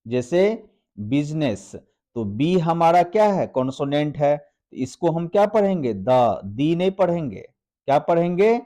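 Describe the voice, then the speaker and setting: Man, grammar teacher, very slow deliberate delivery, mellow dark tone, question-and-answer style. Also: on the high side, big pitch swings. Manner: spells out example words slowly. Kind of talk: classroom-style video lesson.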